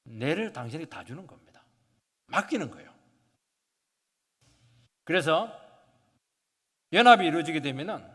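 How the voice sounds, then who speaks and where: A Korean pastor preaching a sermon in church, swinging from shouted lines to near whispers and acting out the voices of church members. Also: male voice, fairly high pitch, very animated, normal speed, long pauses, breathy edge. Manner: dramatic swings from shouting to whispering, acts out congregants' quotes. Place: church sanctuary. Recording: long hall reverb.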